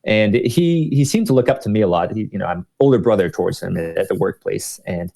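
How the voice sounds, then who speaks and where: A man with a fairly low, mellow voice telling personal stories in a loose, rambling way. He is full of "like" and "um" and often stops to restart a thought. He sounds like he is chatting in a live audio discussion. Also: expressive, fairly quick, gravelly. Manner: rambling, many fillers and restarts.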